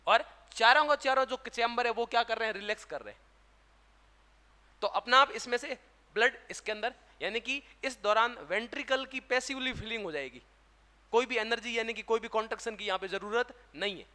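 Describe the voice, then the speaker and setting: A man's voice: extremely high pitch, a little fast, sharp tone. A man teaching a classroom lecture with a Rajasthani Hindi accent, who keeps asking questions and answering them himself. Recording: long hall reverb.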